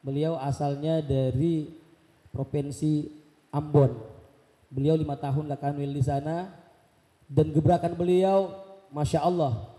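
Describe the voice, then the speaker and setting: Man giving a fired-up welcome speech at a mosque ceremony, kinda high voice but mellow, big echoey hall over the PA. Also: fairly even intonation, measured pace, long pauses. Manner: fervent, leads takbir chants, retells dialogue animatedly. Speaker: Islamic boarding school leader welcoming guests.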